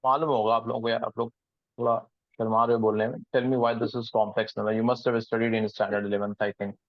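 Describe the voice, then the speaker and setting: A man's voice: mid-range voice, flat delivery, racing, dry recording. A man leads a live online programming lesson, explaining step by step and often checking whether the class has followed. He drifts between English and Hindi. The sound is dry and a little muffled, like a call recording. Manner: mixes English and Hindi, asks the class questions. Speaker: programming instructor.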